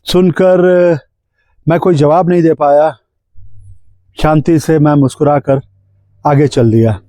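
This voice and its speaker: A man's voice: fairly high pitch, steady tone, measured pace, warm tone, dry recording. A man in his forties narrating a reflective, poetic travel story on a clip-on mic. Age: 40s. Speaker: vlogger narrator. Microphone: clip-on wireless mic.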